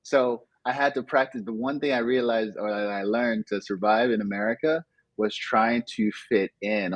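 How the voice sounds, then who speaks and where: A lower-voiced man from Nigeria reflects on his past as a guest in an interview, his tone husky and a little rough. He restarts sentences often and grows animated when recounting events. The sound is close and dry. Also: dry recording, lo-fi sound. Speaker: interview guest, digital entrepreneur. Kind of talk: casual storytelling interview.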